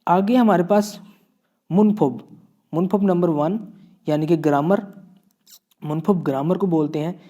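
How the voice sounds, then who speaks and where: A man's voice: on the high side, measured pace, pauses often, dark tone. A man from Pakistan with a Pakistani Urdu accent teaching Korean vocabulary, patiently repeating each word and checking in often. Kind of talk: classroom-style vocabulary lesson.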